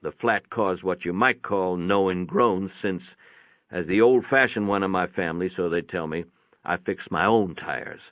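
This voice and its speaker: Speaking at a moderate pace in a low voice, a male narrator tells a first-person short story with plainspoken, folksy charm. His reading sounds tinny, like a phone, with echo from a boxy room.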